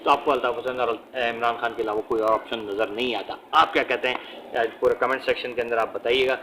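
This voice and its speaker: A man's voice: medium pitch, brisk, slight background noise, low-quality recording. Blunt ranting man with Urdu accent. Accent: Pakistani Urdu. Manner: animated, blunt and ranting, with frequent tag questions. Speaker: political vlogger. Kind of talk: opinionated casual commentary to camera.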